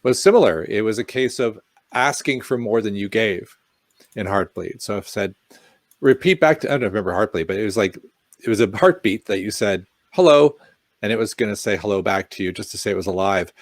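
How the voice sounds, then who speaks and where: Brief: man, lower voice, animated and jokey tech co-host, dry close mic. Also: a little fast, no room sound. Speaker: podcast co-host. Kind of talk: casual tech chat.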